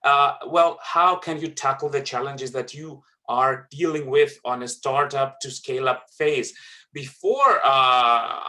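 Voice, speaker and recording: Bright-voiced man presenting a webinar. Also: mid-range voice. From Greece. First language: Greek. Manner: earnest, halting with many fillers and restarts. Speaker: webinar trainer.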